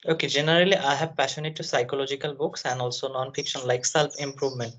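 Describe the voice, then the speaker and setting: A man from Bangladesh, a nursing student, speaking haltingly and searching for words in a conversation practice call. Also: mid-range voice, flat delivery, fairly bright tone. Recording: dull lo-fi sound.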